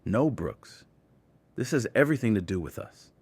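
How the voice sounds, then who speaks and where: A man reading the part of a cruel, sneering male sailor who menaces two shipmates, in a low, venomous voice. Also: very animated, moderate pace, a little mellow, husky, exaggerated voice. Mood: menacing.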